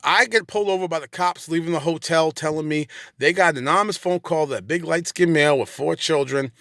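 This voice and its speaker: A man's voice: a little high, fairly quick, a bit bright, dry recording, clean studio sound. A man telling his own story straight to camera, indignant and sarcastic, venting with sudden heated bursts.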